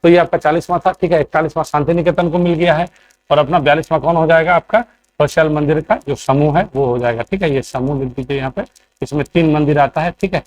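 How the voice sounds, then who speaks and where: Male coaching teacher, slightly high voice, lectures with a steady question-and-answer rhythm. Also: fast, no room sound. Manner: asks quiz questions and answers them, keeps checking in. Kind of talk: classroom lecture.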